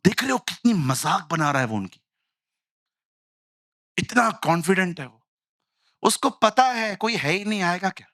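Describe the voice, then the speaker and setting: A man preaching a lively sermon in Hindi mixed with English phrases, telling stories and acting out the voices in them. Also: high-pitched, normal speed, pauses often, dry recording, clean studio sound. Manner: animated storytelling, acts out quoted voices, jokey asides.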